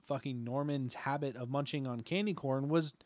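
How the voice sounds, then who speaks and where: Male podcast co-host, relaxed and profane, talks in a dry, close sound, mid-pitched. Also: moderate pace, dry recording. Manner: laid-back, swears often, says "dude" a lot; laughs often between remarks. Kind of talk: casual film-discussion chat.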